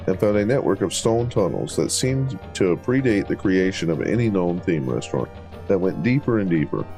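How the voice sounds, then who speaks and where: A man with a low, deep voice and a mellow, relaxed tone plays through a game and reads its dialogue aloud. He gives the characters playful voices and drops in casual asides between lines. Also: normal speed, soft background music. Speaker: let's play host. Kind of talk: reading game dialogue aloud while playing.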